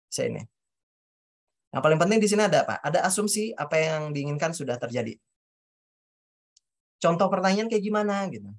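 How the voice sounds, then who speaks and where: A woman with a low voice presents a workshop on self-questioning at a coaching talk, in front of an audience at a venue. Her intonation is lively, her pace a little fast, and she takes long pauses, speaking directly to listeners, acting out example questions, and restarting hesitantly as she explains.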